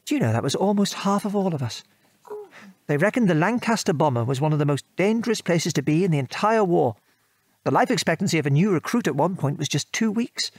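In a radio drama, a British-accented actor plays a gentle middle-aged father and former RAF man, reminiscing in an old-fashioned, genteel way with a sober, reflective mood. His voice is a little high, brisk and lively in intonation, on a dry recording.

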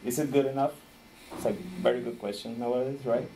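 A man's voice: mid-range voice, fairly even intonation, brisk, noisy background. Man giving a tech talk. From Costa Rica. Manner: friendly, laughs often, searches for words. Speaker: conference speaker.

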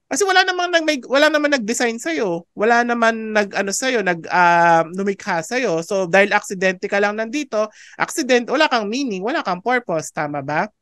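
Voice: medium pitch, lively intonation, normal speed, fairly bright tone, smooth, no room sound. A theology teacher giving a conversational online lecture over a video call, mixing English into Tagalog, often checking with the class and laughing between points. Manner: chatty, mixes English into Tagalog, asks "di ba?" often. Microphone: video call microphone.

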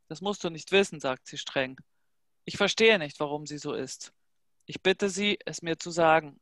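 A woman reading a novel excerpt aloud in a measured, hushed, dramatic way. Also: low-pitched, dry recording. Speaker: reader of a translated novel excerpt. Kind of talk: literary reading.

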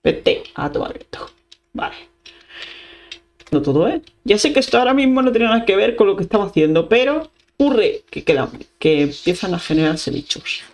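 Excitable Spanish woman gaming YouTuber. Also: mid-range voice, moderate pace. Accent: Spain Spanish. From Spain. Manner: chatty, excitable, talks to viewers, hums and sings along. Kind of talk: Minecraft let's-play commentary.

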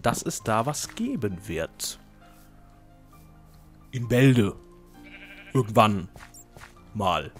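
A young man casually chatting while playing and answering viewer questions, joking at his own expense. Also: medium pitch. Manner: chatty, self-mocking, jokey. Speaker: let's play host. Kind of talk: casual gaming commentary.

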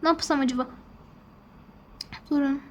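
A woman's voice: high voice, fairly even intonation, moderate pace, a little hiss or hum. A woman hosting a gaming channel, talking to her viewers in a fretful, rambling way as she plays. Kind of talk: casual gameplay commentary.

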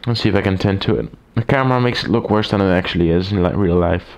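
Fast and deep, with rasp left over from a cold, a man rambles through a hands-on review of a typewriter from his collection, full of fillers and restarts. He sits off-camera at a desk in a small room, and the camera mic picks up a little hiss or hum.

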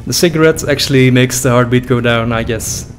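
Reacting to his old videos from a small room, a young Belgian YouTuber with a Dutch-speaking accent jokes, laughs and keeps it loose and profane. He talks a little fast at medium pitch into a desk boom mic, wearing headphones, while faint music plays behind.

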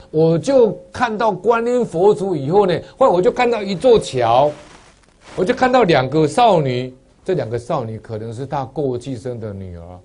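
A man with a Taiwanese Mandarin accent gives a storytelling Buddhist talk in a husky voice. His pitch swings widely, from loud, high exclamations down to soft, low asides. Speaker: Buddhist lay lecturer.

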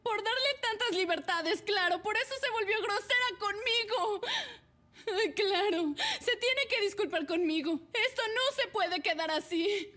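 Una actriz de doblaje que interpreta a una joven mimada e indignada que llora de rabia. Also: female voice, a little slow, pushed and bright, full character voice. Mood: tearful fury. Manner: shrill, indignant. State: crying. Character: spoiled young woman, furious and tearful. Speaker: daughter. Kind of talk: dubbed drama.

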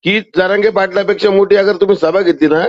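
A man's voice: sits high, steady tone, fast. A man, talking insistently as a caller over a telephone line and pushing in over the other person. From Maharashtra, India. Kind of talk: argumentative phone conversation. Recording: muffled phone call audio.

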